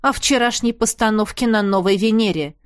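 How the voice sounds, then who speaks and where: A woman's voice: mid-range voice, a little fast, clean tone, no room sound, close to an everyday voice. Woman doing a gloomy worried guy from work, groany and blunt, dry audiobook.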